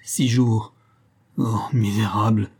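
A man's voice: on the low side, little pitch movement, takes it slowly, a little mellow, husky, heavily acted. A man voicing a gasping, tortured young captive. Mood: anguished. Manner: strained, broken. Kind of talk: audiobook character voice.

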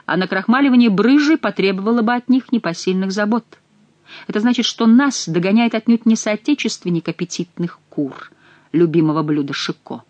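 A woman reading an audiobook and voicing a young noble wife who speaks eagerly and lively. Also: mid-range voice, no room sound, dull audio, close to an everyday voice. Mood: urgent. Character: Jeanne, young noble wife, anxious and affectionate.

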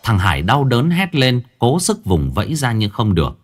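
A man narrating a horror story in a dramatic, expressive storytelling manner. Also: medium pitch, moderate pace, faint music behind.

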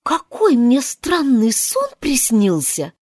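Woman doing a high defiant young girl. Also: huge pitch swings, slow pace, darkish tone, slightly rough, no room sound, studio quality, exaggerated voice. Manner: defiant, indignant. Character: bold outspoken young girl.

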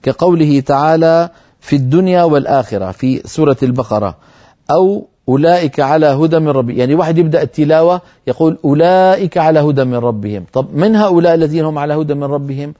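Man, recitation teacher, firm and corrective, mellow dark tone, dull lo-fi broadcast audio. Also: on the high side, expressive. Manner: firm, corrective, recites verses slowly to demonstrate. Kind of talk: TV lesson answering viewer questions.

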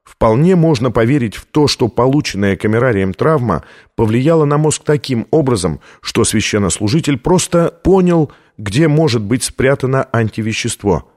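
A man narrates an audiobook with a tense, dramatic delivery. His voice sits in a middle pitch, steady and clear in its reading. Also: moderate pace, hardly any pauses. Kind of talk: scripted narration.

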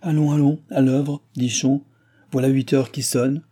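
A man reading aloud who voices an excitable young noblewoman with urgent, shrill exclamations. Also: moderate pace, natural voice. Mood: brisk.

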